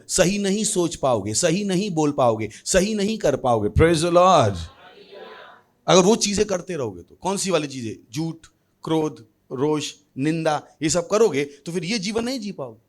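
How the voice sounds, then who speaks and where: A male pastor preaching a sermon, lively with humorous asides and questions thrown to the congregation. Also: fairly high pitch. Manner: animated preaching with humorous asides and acted voices.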